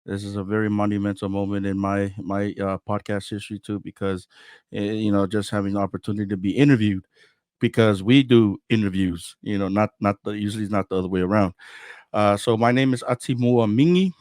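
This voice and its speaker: A man's voice: lowish voice, fairly even intonation, fairly quick, darkish tone, smooth, no room sound, studio quality. A man from American Samoa, in his thirties, who hosts a podcast and speaks as a guest in a casual interview, hesitant, with many fillers and restarts.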